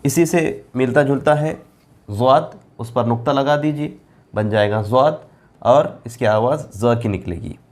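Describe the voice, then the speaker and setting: A man teaching Arabic letters as a Quran reading teacher, patient and repetitive, drawing out each letter name slowly. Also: medium pitch, a little mellow. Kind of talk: board lesson explaining Arabic letters.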